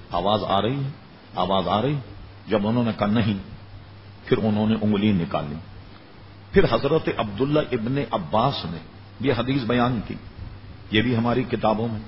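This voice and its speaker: Male scholar, lower voice, lecture delivery with drawn-out demonstrations; muffled old recording, light background hiss. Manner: demonstrates pronunciation by drawing out words. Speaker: Islamic scholar. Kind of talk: religious lecture. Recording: dull lo-fi recording with faint noise.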